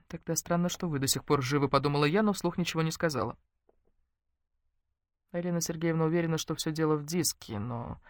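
A woman narrating a first-person novel in a wry, lively storytelling manner. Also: low voice, dry recording, studio quality. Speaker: audiobook narrator.

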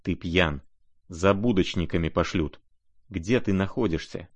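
Man doing worried friend, hushed urgent whisper, deep dry voice. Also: a little slow, dry recording. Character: anxious man friend urging restraint.

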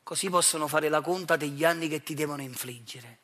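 A man with a Neapolitan accent performs his own theatrical monologue, confronting the audience directly with accusatory rhetorical questions. His voice is fairly high and a bit bright, and he speaks fairly quickly.

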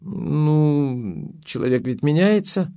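A man reading an audiobook, voicing a spoiled, defiant young woman in a raised girlish pitch. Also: animated, takes it slowly, warm tone, clear, resonant tone, dry recording. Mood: petulant, defiant. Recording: dry close studio sound.

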